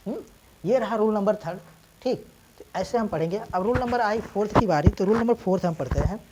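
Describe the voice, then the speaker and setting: A female teacher is sick and coughs from time to time as she teaches an English reading lesson in Hindi. She goes through reading rules step by step, spells letters out slowly, and poses questions she then answers herself. Her voice is mid-range, and there is heavy background noise.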